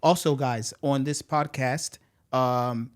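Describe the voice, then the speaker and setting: An American man hosting an interview podcast, upbeat and quick in bursts, with frequent fillers. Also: mid-range voice, steady tone. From United States. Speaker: podcast host.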